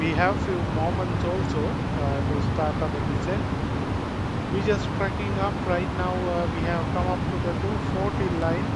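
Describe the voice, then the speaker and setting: A man giving a casual, halting explanation while aboard an airliner. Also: fairly even intonation. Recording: dull, distant audio under loud aircraft rumble.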